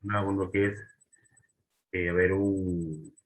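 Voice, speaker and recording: A man's voice: sits low, steady tone, slow, rough recording. A man teaching a grammar lesson, often restarting and checking in with short questions.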